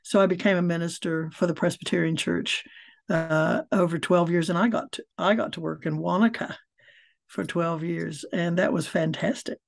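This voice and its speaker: A woman's voice: lowish voice, fairly even intonation, normal speed, creaky. A mature woman, chatting casually as an interview guest. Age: middle-aged or older. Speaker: guest, spiritual director.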